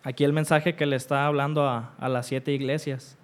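A man preaching a sermon, stressing repeated refrains and reading scripture aloud with deliberate pauses. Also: mid-range voice, level tone, clean tone. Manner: emphatic repeated refrains, rising on each.

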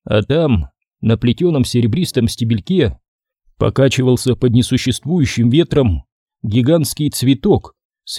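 A man narrating a science fiction audiobook in an expressive storytelling manner. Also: mid-range voice, husky, no room sound, clean studio sound. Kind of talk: scripted narration.

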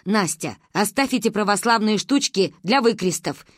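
A woman reading the lines of a sharp-tongued, scornful old grandmother in a storybook. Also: medium pitch, expressive, normal speed, no echo, studio quality, close to an everyday voice. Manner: scornful, cutting.

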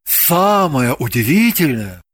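A poised, handsome man who speaks in slow, theatrical sentences, as a woman reader puts him on. The voice stays near the reader's own pitch but is lively. The sound is dry and close-miked. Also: husky, no echo, exaggerated voice. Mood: declaiming. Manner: slow, declaiming storyteller tone.

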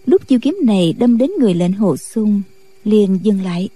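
A woman narrating a martial-arts novel in a steady storytelling voice. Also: medium pitch, normal speed. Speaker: audiobook narrator.

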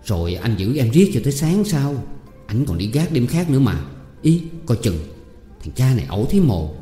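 A man's voice: medium pitch, expressive, fast talker, dark tone, pitched above the performer's own voice, natural voice. A man voicing a young village woman who frets, whines and snaps, in a story reading. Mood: fretful. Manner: pleading, quarrelsome, whining. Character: young village woman, fretful and sharp-tongued. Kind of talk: audiobook character voice. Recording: roomy reverb with faint music.

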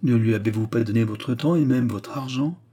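A man voicing a proud, talkative forest warden, bright and eager in the reading of a novel. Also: medium pitch, a little fast, slightly rough, close to an everyday voice. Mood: chatty.

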